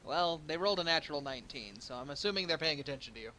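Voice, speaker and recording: A man's voice: on the high side, expressive, racing, noisy background. A man running a tabletop game as game master, playful and punning, laughing often.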